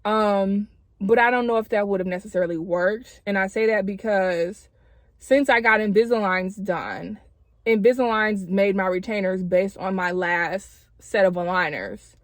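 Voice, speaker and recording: A woman's voice: medium pitch, fairly even intonation, normal speed, no echo. A woman talks casually to her viewers as a vlogger, using informal, girlfriend-like slang. She is wearing retainers as she speaks, which slightly impedes her words. The sound is close and dry, with a mid-range voice. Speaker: video creator addressing subscribers. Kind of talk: casual chatty vlog talk to camera.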